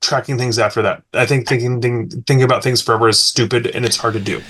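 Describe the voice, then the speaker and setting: A man in a middle register runs the table as game master. He narrates the fight quickly, stumbling over restarts and fillers as he goes. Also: mid-range voice, steady tone, a bit bright. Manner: fast, halting with many fillers and restarts.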